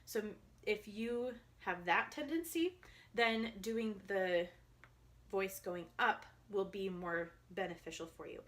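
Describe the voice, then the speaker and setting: A young adult woman voice coach calmly guiding listeners through vocal exercises, sometimes demonstrating. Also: medium pitch, slow pace. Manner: calm, guiding, demonstrates vocal slides and counts. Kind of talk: instructional voice exercise video.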